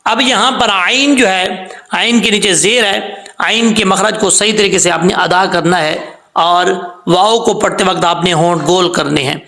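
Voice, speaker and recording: A man with a high, bright, gravelly voice teaches Quran recitation with patient step-by-step explanations. He stretches words slowly and breaks into melodic chanting for the verses, and the room around him is echoey. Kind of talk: tajweed lesson.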